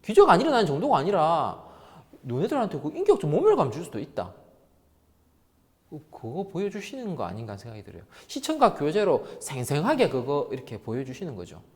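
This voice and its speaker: A man preaches a sermon, his voice rising and falling widely as he acts out the people in his story. He drops to soft, quiet tones between bursts. A long reverb hangs over him in the church hall. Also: on the high side, wildly swooping pitch, brisk. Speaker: pastor. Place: church sanctuary.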